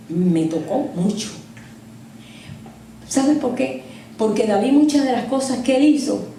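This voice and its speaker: A woman's voice: fairly high pitch, mellow. A woman teaching the Bible in sermon style, telling the story with acted-out dialogue and calling her listeners brother. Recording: distant, very echoey room with faint noise.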